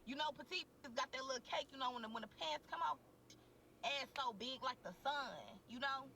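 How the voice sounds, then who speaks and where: A young woman on a podcast, telling a candid story in a crude, slangy, animated way and talking straight to the listeners. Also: high voice, brisk, slight background noise. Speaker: podcast co-host. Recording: voice a bit distant from the mic.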